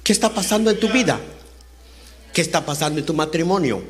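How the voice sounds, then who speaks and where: High-voiced man preaching. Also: animated, a little fast. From Honduras. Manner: conversational, asks the congregation questions, laughs while talking. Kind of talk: sermon. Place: church service.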